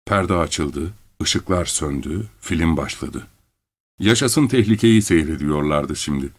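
A man narrating a story in a calm, measured way. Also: extremely low pitch.

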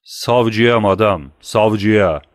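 A man's voice: mid-range voice, moderate pace, no room sound, clean studio sound, natural voice. A man voicing a stern middle-aged male prosecutor in an audiobook, accusing in a cold, cutting manner. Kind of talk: audiobook reading.

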